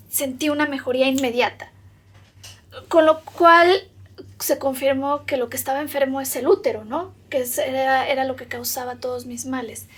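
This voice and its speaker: A woman with a Mexican accent speaks in a high, light voice in a documentary interview. She stumbles and repeats words as she works through long lists. She is recorded in a doctor's consulting room. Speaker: patient interviewee.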